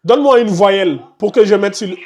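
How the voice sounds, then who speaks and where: A man teaches a recitation class in a high voice for a man. He keeps pressing his point and goes over each step again and again. He scolds the students who lose track. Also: a little fast. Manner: insistent, repeats explanations step by step, scolds students. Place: classroom with a board.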